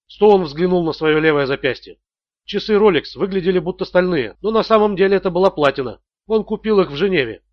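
A man narrating an audiobook thriller in a steady, tense manner. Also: high voice, a little fast, no echo, dull audio.

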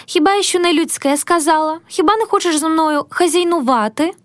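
A woman's voice: very high-pitched, a little fast, voice pushed up. A woman voicing a young, spoiled noble lady in a storybook reading, plaintive and lamenting. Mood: eager.

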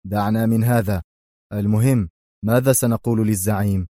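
A man's voice: on the low side, steady tone, moderate pace, mellow, no echo, clean studio sound, natural voice. A man voicing a dazed, frightened mafia underling in an audiobook, stammering his words. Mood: gruff. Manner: stammering, alarmed. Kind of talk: audiobook character voice.

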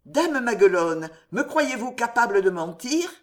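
A woman reads as a noble mother in a historical storybook, her voice gentle and tender, a little raised in pitch, with a lively lilt. Beneath the softness sits a calm firmness. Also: a little slow. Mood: firm.

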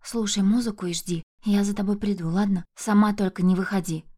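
A woman reading an audiobook, voicing a terrified young mother who whispers urgently to calm her child. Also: medium pitch, fairly quick, close to an everyday voice. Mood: urgent soothing. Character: frightened young mother, woman, desperate but protective.

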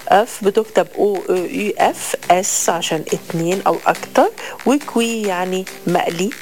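A woman with an Egyptian Arabic accent gives a radio French lesson. She repeats each French phrase slowly and spells words out letter by letter. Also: mid-range voice, darkish tone, faint music behind. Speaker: French language teacher.

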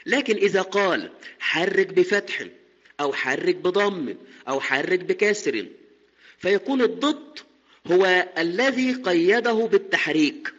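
A man teaching a lesson on Quran recitation, explaining each point step by step, repeating key terms and chanting quoted verses slowly. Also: high voice, lively intonation, a bit bright, in a large hall, dull audio.

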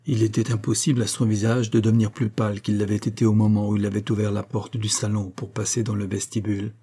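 Low, husky male audiobook narrator. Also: level tone, quick pace, dark tone. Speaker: audiobook reader. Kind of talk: narration of a classic novel.

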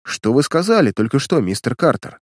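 A hot-tempered older millionaire played by a man reading a story aloud, blustering and indignant, his voice jumping high as he shouts. The recording is dry and close, with no room sound. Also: big pitch swings, fairly quick, no echo. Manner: loud, indignant outbursts.

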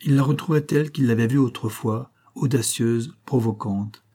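A man narrating a classic novel as an audiobook, in a measured, expressive reading. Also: medium pitch.

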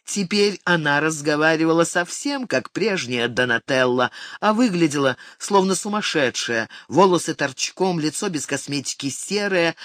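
A narrator reading a novel aloud in a dramatic, shifting way. The voice sits at a middle pitch and sounds close and dry, with no room echo. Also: a bit bright. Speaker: audiobook narrator.

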